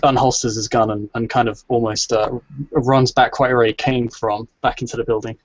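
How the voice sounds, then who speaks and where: A man playing a tabletop game, describing his character's actions in a halting way, on a dry, dull lo-fi recording. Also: mid-range voice, little pitch movement, no echo. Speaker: player. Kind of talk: casual tabletop play.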